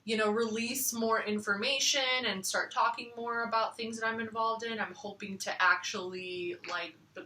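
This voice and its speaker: A woman reading tarot in casual chat from her living room floor, rambling and relaxed with many fillers. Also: medium pitch, far from the mic. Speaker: tarot reader. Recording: echoey room, from off the mic.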